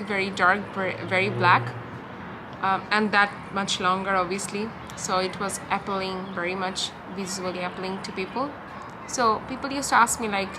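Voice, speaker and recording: A young woman with a Bangladeshi accent and a fairly high voice talks to the camera in a personal vlog, sounding hesitant, halting and confiding. She is outdoors in a park, with ambient park sounds and distant traffic around her.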